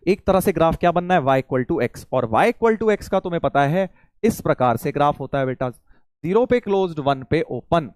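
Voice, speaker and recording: A man teaches maths to an online class in a high voice that rises and falls a lot. He is playful and teasing with his students and drags out key steps slowly. The sound is dry, with no room echo. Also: animated, a little mellow. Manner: slows right down to spell out steps.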